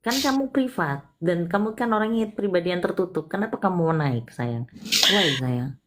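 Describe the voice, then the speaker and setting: Coaxing low-voiced woman. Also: expressive, normal speed. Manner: coaxing, tender, calls the caller "sayang". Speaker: palm reader hosting a live stream. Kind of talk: live stream consultation.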